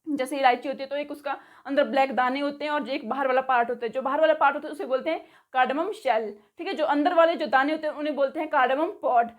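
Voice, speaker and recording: High-voiced woman teaching vocabulary. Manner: spells words letter by letter and repeats them slowly; says "theek hai" after nearly every item. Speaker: spoken English teacher. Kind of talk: casual Hindi vocabulary lesson.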